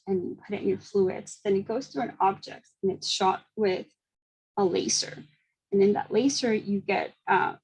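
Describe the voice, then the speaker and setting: A young woman presents a seminar talk at a brisk clip, with frequent ums and small laughs. Her voice has a gravelly fry and a slightly husky edge. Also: mid-range voice, darkish tone, rough recording. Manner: quick, with fillers and small laughs. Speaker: student presenter.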